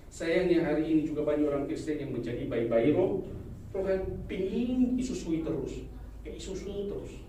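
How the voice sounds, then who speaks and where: A woman preaching a sermon, swinging between loud emphatic exhortation and quiet asides. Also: low-pitched, slight background noise. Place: church. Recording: echoey church hall, distant mic.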